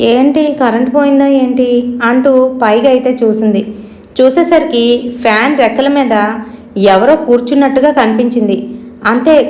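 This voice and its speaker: Woman narrating a horror story, echoey. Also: fairly high pitch. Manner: steady, conversational storytelling with frequent fillers. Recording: echoey room.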